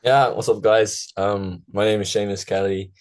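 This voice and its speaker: A man's voice: fairly low pitch, fairly even intonation, normal speed, a little mellow. A young man who grew up in Ireland, a guest on a podcast, talking casually and rambling with lots of fillers and self-corrections. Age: young adult.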